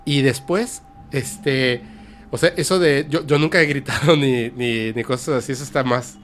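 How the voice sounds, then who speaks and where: A man with a Mexican accent hosting a podcast in casual chat. He talks in a relaxed, slangy way and reacts quickly to his guest. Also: medium pitch, slight background noise. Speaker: podcast host.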